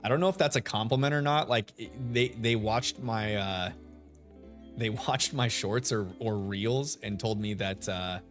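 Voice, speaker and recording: A man with a deep, radio-style voice hosts a live game stream at an unhurried pace. He's laid-back and chatty, greeting viewers by name as he shiny hunts, with soft lo-fi music playing underneath.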